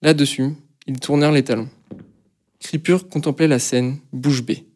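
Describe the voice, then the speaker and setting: A man reading a novel aloud as narrator, in a measured, steady storytelling manner. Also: mid-range voice. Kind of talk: audiobook reading.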